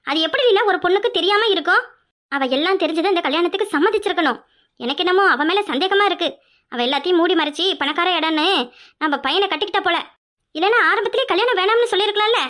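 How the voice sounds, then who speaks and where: A woman's voice: extremely high pitch, fast, fairly bright tone. A woman voicing a scheming, meddling older sister-in-law with a sneering, suspicious way of talking and a Kanyakumari Tamil accent.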